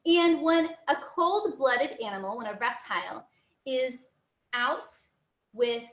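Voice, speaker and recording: Teaching children over a video call, the American zoo educator uses a high-pitched, somewhat bright voice at a slow pace. Her manner is cheery and supportive, and the indoor room gives the audio a spacious, echoing quality.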